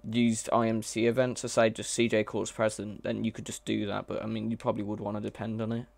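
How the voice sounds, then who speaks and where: Man, gravelly voice, casual live-coding chatter, halting and self-correcting. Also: on the low side, completely flat delivery, a little mellow, dry recording. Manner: thinks aloud, hesitant, self-correcting. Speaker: mod developer streaming live.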